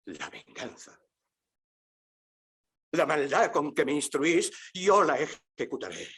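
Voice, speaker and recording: An actor in a dubbed film drama playing a bitter, vengeful old male merchant, delivering grim, menacing lines in a raspy, husky voice. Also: on the high side, big pitch swings, slow pace, a bit bright, exaggerated voice. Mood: defiant, vengeful.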